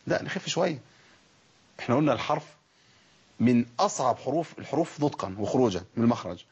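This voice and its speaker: Fast-talking Egyptian sheikh teaching recitation. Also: male voice, medium pitch, husky, lo-fi sound. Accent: Egyptian Arabic. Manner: lively, demonstrates recited words slowly and stretched. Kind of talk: Egyptian colloquial lesson on letter pronunciation.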